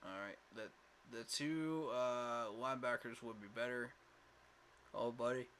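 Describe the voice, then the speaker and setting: On his casual fan livestream, the host talks at medium pitch in an unhurried, fairly bright voice with fairly even intonation. Though tired from little sleep, he speaks emphatically, leaning on fillers and repeated words, with slight background noise present.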